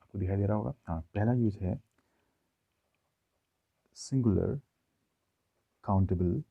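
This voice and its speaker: A man teaching a classroom grammar lesson, explaining slowly and checking in with his listeners often. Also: on the low side, vocal fry, breathy edge. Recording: tinny phone-like audio.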